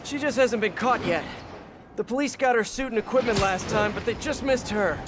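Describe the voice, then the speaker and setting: A man's voice: sits high, normal speed, noisy background, natural voice. A man playing a young, wisecracking superhero in a video game, with a playful, eager, wry way of talking. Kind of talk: video game voice acting, quippy banter.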